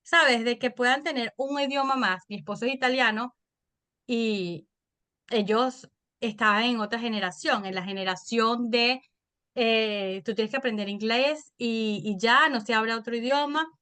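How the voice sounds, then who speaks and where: A woman in her thirties with a Venezuelan accent, a podcast guest telling stories in an animated, chatty way. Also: fairly high pitch. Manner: animated storytelling, quick and chatty. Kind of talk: casual interview chat.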